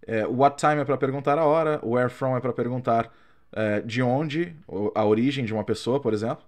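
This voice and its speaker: Portuguese-speaking male teacher, mid-pitched, measured lesson delivery with drawn-out examples. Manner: slow, carefully spaced explanations with drawn-out English examples. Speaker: English teacher. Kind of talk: recorded grammar lesson.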